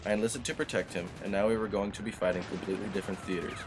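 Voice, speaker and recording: A man acting as a weary war veteran father narrates in a low voice at a quick pace. The scripted first-person account plays over clearly audible background noise. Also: steady tone, close to an everyday voice. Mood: somber. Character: weary war veteran father telling his wartime story.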